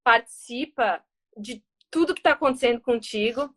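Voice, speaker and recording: A woman's voice: a little high, moderate pace. A woman diplomat from Brazil, telling a story in an interview and acting out the quoted dialogue. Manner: animated, acts out quoted dialogue.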